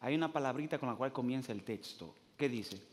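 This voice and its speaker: A man pastor, preaching a lively, joking sermon that swings from loud to hushed. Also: medium pitch, a little fast. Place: church hall. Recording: long hall reverb.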